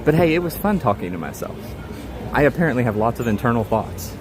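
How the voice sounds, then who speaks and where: A man's voice: medium pitch, very animated, fast, over music. A man hosting a casual, rambling livestream outdoors, chatting in a self-deprecating way. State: hot and sweaty. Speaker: livestream host. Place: outdoors at a busy theme park. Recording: loud outdoor park and vehicle noise.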